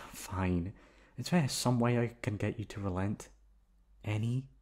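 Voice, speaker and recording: A man with a fairly low, slightly mellow voice speaks a little slowly as he performs an intimate ASMR roleplay. Cast as an affectionate boyfriend, he teases, coaxes, and pleads with playful charm.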